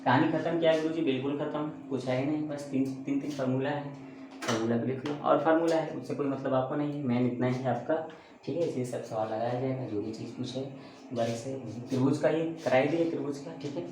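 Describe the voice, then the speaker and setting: A man's voice: medium pitch, steady tone, fairly quick, noisy background. A man teaching a math lesson who asks and answers his own questions, with chatty, joking asides. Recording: very echoey room.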